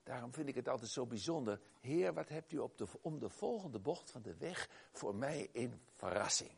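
Gravelly, animated male preacher. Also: medium pitch, moderate pace. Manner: emphatic, exclaiming, swings loud and soft. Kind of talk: sermon with personal story.

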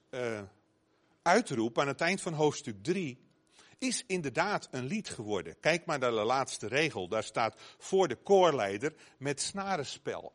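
A man preaching a sermon earnestly, growing emphatic when he quotes scripture. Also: a little high.

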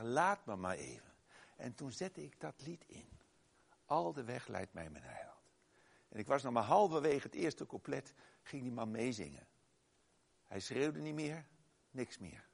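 This male preacher's gravelly, slightly husky voice carries a sermon woven with a personal story. He is emphatic, exclaiming with lively pitch leaps, then dropping to a hush as he swings between loud and soft.

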